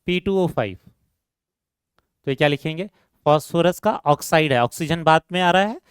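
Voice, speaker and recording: A man's voice: a little high, normal speed, clean tone, no room sound, clean studio sound. A man teaching a chemistry lecture who asks the class questions and answers them himself, repeats key terms and calls his students "beta".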